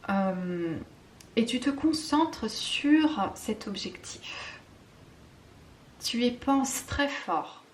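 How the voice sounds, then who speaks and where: A French woman giving a spiritual card-reading guidance, talking softly and intimately, often slipping into a whisper, with hesitant fillers and self-mocking laughs. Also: a little high, lively intonation, a little hiss or hum. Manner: slow, soft and intimate, often dropping to a whisper. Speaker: tarot card reader.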